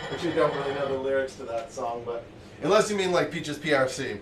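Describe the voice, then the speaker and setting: A man's voice: mid-range voice, reverberant, distant mic, noisy background. A man hosting a live cooking stream in his basement kitchen, chatting casually and joking as he reads out viewers' messages. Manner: excitable and jokey, reads out chat messages.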